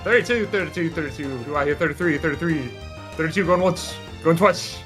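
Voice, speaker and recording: A man's voice: on the high side, fairly quick, a bit bright, soft background music. Auctioneer-style man calling bids. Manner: auctioneer patter, repeating bids. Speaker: auctioneer among players. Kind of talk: casual game chat.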